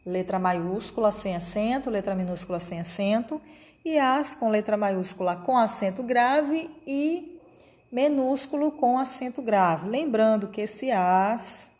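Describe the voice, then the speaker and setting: A woman's voice: a little high, animated, measured pace, darkish tone. A woman teacher, giving a lesson to children and checking in often with short questions. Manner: patient, explanatory, checks in with "tá?" and "ok?". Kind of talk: remote class lesson for children.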